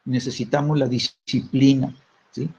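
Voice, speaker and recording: A man's voice: medium pitch, flat delivery, unhurried, creaky, a little mellow, husky. A man preaching a sermon, dropping tag questions after nearly every phrase and repeating words as he restarts. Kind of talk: sermon teaching. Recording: dull lo-fi recording.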